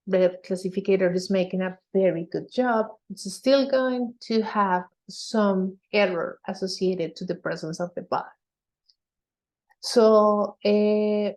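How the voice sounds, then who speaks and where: A researcher gives a technical conference talk with slides. Her voice is mid-range and dark, and she speaks slowly, halting often with frequent hesitations.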